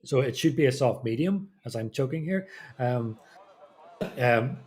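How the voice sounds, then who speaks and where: A man's voice: medium pitch, expressive, a little slow, darkish tone, breathy edge. A man co-commentating a sim race, chatty and rambling through anecdotes with lots of fillers.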